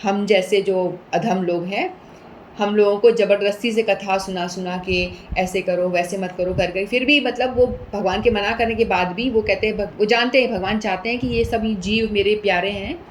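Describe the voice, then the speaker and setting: Woman, scripture talk, patient explaining, mid-pitched voice, faint hiss behind. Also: steady tone, moderate pace, poor audio. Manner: patient, explanatory, repeats points with everyday examples; mixes English words into Hindi.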